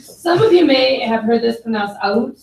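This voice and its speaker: A woman's voice: fairly high pitch, lively intonation, normal speed, creaky. A woman from the United States with a Southern accent, teaching a French lesson to a classroom and having students repeat words. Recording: echoey classroom from far off.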